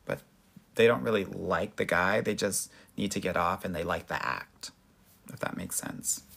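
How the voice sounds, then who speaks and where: Gravelly, low-voiced man with a Valley accent. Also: normal speed, fairly bright tone. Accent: Southern Californian Valley. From Southern California, United States. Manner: sassy, slangy, addresses viewers as girl. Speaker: livestream host giving dating advice. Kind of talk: casual live question-and-answer chat.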